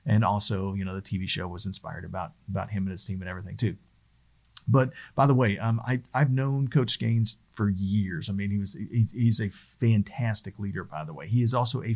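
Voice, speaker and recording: A man's voice: medium pitch, gravelly, darkish tone. A middle-aged man teaching presentation skills in a casual, conversational way, often restarting his sentences. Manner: conversational, loose and rambling, often restarts phrases. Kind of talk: casual spoken lesson.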